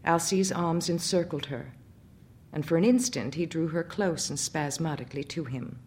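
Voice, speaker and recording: A woman narrating a literary short story aloud in a measured, expressive reading. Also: sits low.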